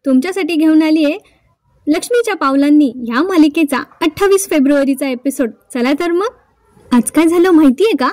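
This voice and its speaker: A woman with a high, mellow voice tells the story of a TV serial episode in a casual, chatty way. She is recorded close and dry. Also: a little fast, no echo. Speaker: TV serial recap host.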